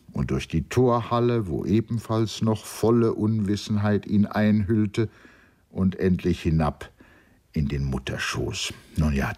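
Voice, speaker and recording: A man reading a literary novel aloud in a measured, solemn way. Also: deep voice, darkish tone. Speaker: narrator. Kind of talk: literary audiobook narration.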